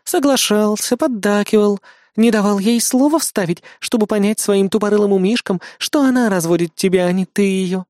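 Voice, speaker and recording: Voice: medium pitch, normal speed, a little mellow, no echo, clean studio sound, voice pushed up, natural voice. A reader voicing a sarcastic female assistant. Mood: exasperated. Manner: scolding, mocking.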